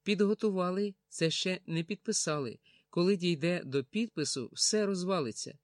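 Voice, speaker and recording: A man's voice: high-pitched, moderate pace, no room sound, studio quality, natural voice. A man doing a grumbling gloomy old man. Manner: gloomy, lecturing, sarcastic.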